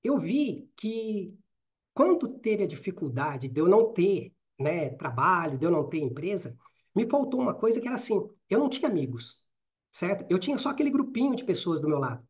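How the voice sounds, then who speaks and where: A middle-aged man from Brazil with a Minas Gerais accent, giving a live online training talk. He talks fast and keeps tagging his sentences with quick checks to the audience. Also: sits high, very animated. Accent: Minas Gerais Portuguese. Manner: talks fast, with frequent "né?" and "certo?" tags. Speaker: career and networking trainer. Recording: slightly dull lo-fi audio.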